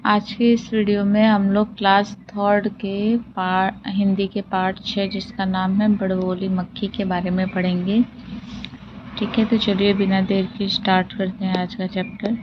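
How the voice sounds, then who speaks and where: A woman's voice: mid-range voice, level tone, measured pace. Woman teacher on a dull, hissy recording. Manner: reads a passage, then retells it in simple words; asks and answers her own questions. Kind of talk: explaining a textbook story. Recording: dull lo-fi audio with clear hiss.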